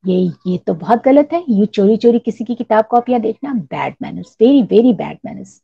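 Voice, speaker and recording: Woman voicing young man, earnest, shy, gravelly, husky. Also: medium pitch, animated, moderate pace. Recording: dull lo-fi recording.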